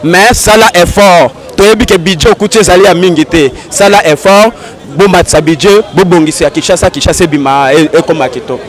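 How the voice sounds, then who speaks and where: A man's voice: high-pitched, brisk. A man giving an earnest, insistent street interview outdoors in a city. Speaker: interviewee, party supporter.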